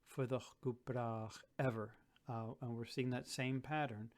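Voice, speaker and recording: Man, unhurried song tutor, mid-pitched, reflective, recites lines slowly. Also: steady tone, a little mellow. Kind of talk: relaxed spoken lesson with slow recitation.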